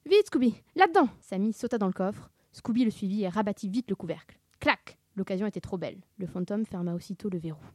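A woman reading a children's book aloud, expressive and dramatic, sometimes dropping to a hush. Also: medium pitch, fast talker, few pauses, no room sound, clean studio sound. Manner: expressive, dramatic narration with hushed whispers. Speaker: reader.

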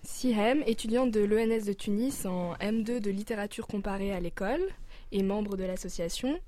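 A woman hosting a radio talk show, briskly introducing guests. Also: medium pitch, dark tone. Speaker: radio host.

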